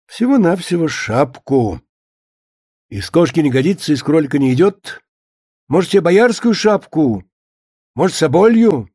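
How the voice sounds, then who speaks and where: A man's voice: a little high, sing-song, measured pace, pauses often, mellow, slightly rough, dry recording, studio quality, full character voice. A man voicing a pompous, boozy older Soviet official who hectors and scorns his visitor in a long tirade. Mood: mocking.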